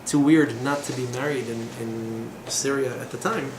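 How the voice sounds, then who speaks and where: A man in his thirties lectures informally to a class in a small room, drifting into asides and sardonic jokes and using plenty of fillers. His medium pitch and fairly even intonation come at normal speed, in an echoey recording with background noise.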